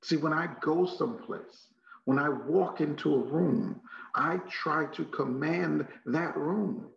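Male motivational trainer, Texas accent, heavy vocal fry, emphatic and folksy delivery, muffled recording. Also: a little high, takes it slowly. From Texas, United States. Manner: emphatic, folksy, repeats phrases for effect, rhetorical questions. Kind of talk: motivational leadership training talk. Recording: muffled, echoey room recording.

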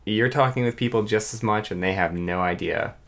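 A man's voice: lowish voice, fairly quick, gravelly, a bit bright. A man co-hosting a podcast in easygoing, rambling casual chat. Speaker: podcast co-host.

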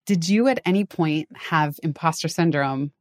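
A woman's voice: low voice, normal speed, a little mellow, no room sound, clean studio sound. A woman hosting a podcast, an author who asks her guest thoughtful, eager questions. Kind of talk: podcast interview.

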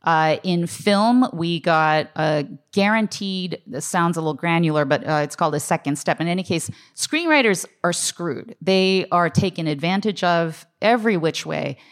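A woman speaking as a writers' union representative, explaining contract points off the cuff in an emphatic, colloquial way, often checking in with the listener. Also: fairly low pitch. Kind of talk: unscripted explanatory talk on contracts.

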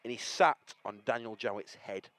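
A man from Bradford with a Bradford accent, co-hosting casual, jokey football banter in excitable, blunt northern slang. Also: mid-range voice, moderate pace. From Bradford, England. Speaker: co-host of a football fan podcast. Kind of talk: casual banter and live match reaction.

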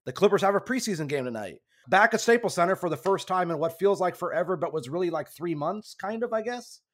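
A man's voice: high voice, expressive, fast talker. A man hosting a casual sports podcast, talking in a rambling, self-correcting way while losing his voice. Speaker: podcast host.

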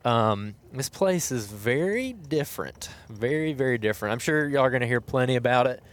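A man's voice: medium pitch, animated, normal speed. A man chatting casually as a podcast host from inside a truck. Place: inside a truck being driven.

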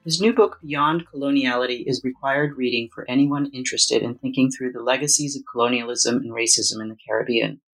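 Female podcast host, soft breathy voice, reads the intro and then interviews an author. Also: very deep voice, fairly even intonation, fairly quick, hardly any pauses, soft background music, rough recording.

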